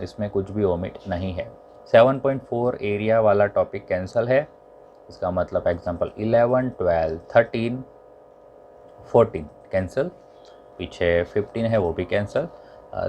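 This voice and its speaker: A man teaching in a measured, methodical way, working down a list of items to tick off or cancel. His voice sits on the lower side. A faint hiss of background noise runs under the recording. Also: darkish tone, highs cut off. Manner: mixes English terms into Hindi. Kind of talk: exam syllabus walkthrough.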